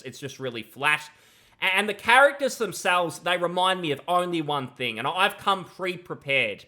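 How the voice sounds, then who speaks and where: Speaking into a close desk mic and headset indoors in a small home room, a young man critiques a video game with sardonic emphasis. His voice runs a little high, pushed and bright.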